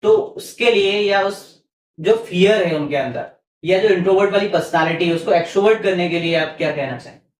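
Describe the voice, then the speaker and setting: A man hosting a podcast, posing long, carefully framed questions in a calm, unhurried way. His fairly high voice comes from a little distance off the mic, with a roomy echo around it. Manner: calm, asks long framing questions, frequent murmured agreement. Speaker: podcast host, trainer. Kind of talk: podcast interview.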